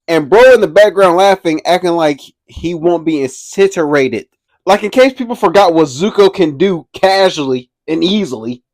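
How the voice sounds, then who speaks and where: A young man hosting a casual commentary video, animated and slangy, laughing often as he talks. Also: fairly high pitch, moderate pace, dry recording. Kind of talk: casual pop-culture commentary.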